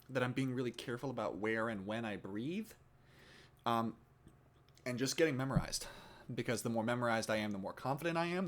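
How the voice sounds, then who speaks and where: A man who teaches theatre, speaking casually to the camera as he explains a rehearsal assignment and reflects on his own progress. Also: mid-range voice. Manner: casual, relaxed, many fillers and restarts. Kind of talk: instructional demo and self-reflection.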